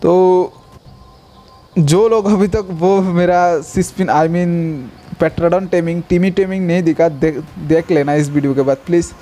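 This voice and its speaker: A young man giving casual, rambling gameplay commentary as a gaming YouTuber, talking straight to his viewers and reacting loudly when attacked. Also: on the high side, fairly even intonation, a little slow.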